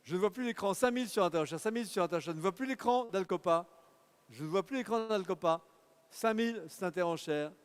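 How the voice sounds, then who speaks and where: A man's voice: sits high, clear, resonant tone. A man working as an auctioneer, calling bids in a rhythmic, urging patter at a live car auction in an auction hall. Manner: rapid rhythmic bid calling, urging bidders. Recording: long hall reverb.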